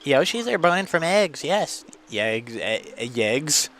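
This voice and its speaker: A man's voice: a little high, very animated, takes it slowly, a bit bright, soft background music, pitched above the performer's own voice, heavily acted. A man voicing a chirpy theme-park game character, reading its dialogue in a playful, sing-song way.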